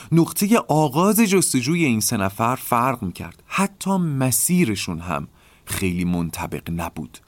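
A man hosting a podcast, calmly explaining ideas in a reflective lecture and often asking rhetorical questions. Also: on the low side, dry recording. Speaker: podcast host.

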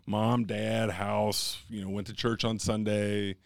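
Low-voiced, earnest man from Kentucky. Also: slow, no room sound, clean studio sound. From US Midwest, Kentucky. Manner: earnest, open, steady. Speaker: guest, entrepreneur. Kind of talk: candid interview storytelling.

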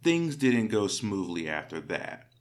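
Male narrator, lower pitch, calm measured read of online anecdotes. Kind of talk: reading internet stories aloud.

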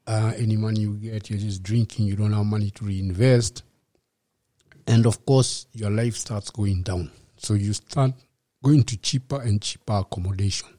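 Kenyan man in his fifties, interview guest; relaxed, reflective storytelling with a dry, close sound. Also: lowish voice, dry recording. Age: 50s. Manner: reflective, unhurried, slips in Swahili words. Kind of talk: personal storytelling in a podcast interview.

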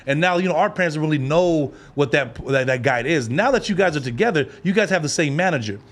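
A man's voice: on the high side, lively intonation, fast. A man hosting a casual podcast interview in a studio, joking and upbeat with his guests. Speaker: podcast host.

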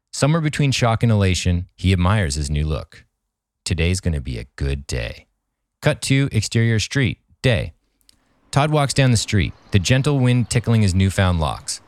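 A man's voice: fairly low pitch, dry recording, studio quality. A man narrating a scripted story aloud as a podcast host.

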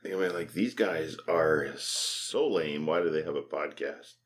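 A man's voice: extremely low pitch, a little slow, a little hiss or hum. A man hosting a podcast, bantering casually and goofily in outtakes with self-mocking humor. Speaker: podcast host.

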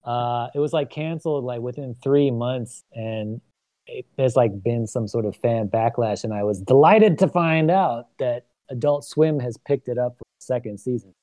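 A man's voice: medium pitch, mellow, no room sound. A man on a podcast, talking casually and eagerly, with frequent fillers and restarts. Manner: enthusiastic, halting with fillers. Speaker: podcast co-host. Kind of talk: casual chat.

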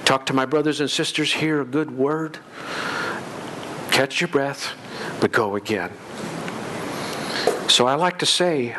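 A middle-aged American man preaching in a folksy, unhurried storytelling style, repeating phrases for emphasis. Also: a bit bright. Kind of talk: storytelling sermon. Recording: noisy recording with low rumble.

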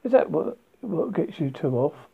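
A woman's voice: sits low, big pitch swings, measured pace, creaky, breathy edge, full character voice. A reader voicing an accusing woman in her forties. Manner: accusing, scornful. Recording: tinny phone-like sound.

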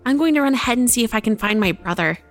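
A man voicing a cheerful, energetic young woman who speaks in a bright, brisk way. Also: extremely high pitch, soft background music, pitched above the performer's own voice.

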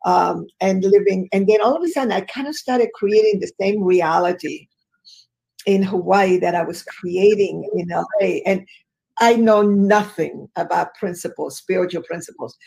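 A woman's voice: mid-range voice, normal speed, gravelly, darkish tone, low-quality recording. A woman from Chile, a guest in an interview, telling her life story in an earnest, emphatic way with frequent fillers. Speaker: guest, business educator.

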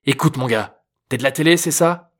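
A man voicing a rough, hot-tempered tough guy in an audiobook, talking in crude threatening slang. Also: medium pitch, normal speed, a bit bright, pitched above the performer's own voice, lightly acted. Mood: menacing.

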